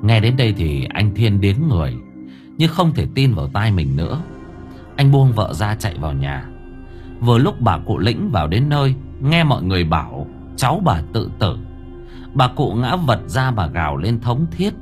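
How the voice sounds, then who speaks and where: Expressive male storyteller, lively pitch. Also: normal speed. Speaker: audiobook narrator. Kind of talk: storytelling narration. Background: faint music bed.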